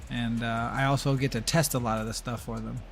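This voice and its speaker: A man's voice: mid-range voice, flat delivery, fairly quick, creaky, soft background music. A man streaming a video game and chatting casually, ranting bluntly and swearing. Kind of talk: casual livestream chat while gaming.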